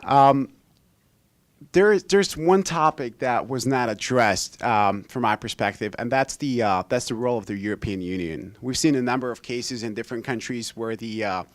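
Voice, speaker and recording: A man's voice: medium pitch, moderate pace, no echo. A man from Slovakia asking the panel a question from the floor, speaking hesitantly with fillers. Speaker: audience member asking a question.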